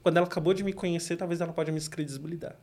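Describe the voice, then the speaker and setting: A young man from Brazil with a São Paulo accent, talking casually as an interview guest, relaxed and quick to laugh. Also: on the high side. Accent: São Paulo Portuguese. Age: young adult.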